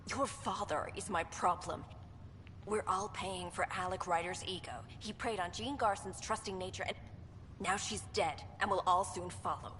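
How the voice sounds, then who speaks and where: A woman's voice: fairly low pitch, normal speed, fairly bright tone, in a large hall, slight background noise, close to an everyday voice. A woman voicing a bitter, grieving female colonist who speaks with hostile contempt. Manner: accusing and contemptuous.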